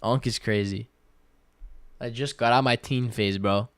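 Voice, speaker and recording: A twenty-year-old man livestreaming, reading viewer questions aloud and answering in relaxed, slangy chat full of fillers. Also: mid-range voice, measured pace, smooth, no echo. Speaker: day-trading livestreamer.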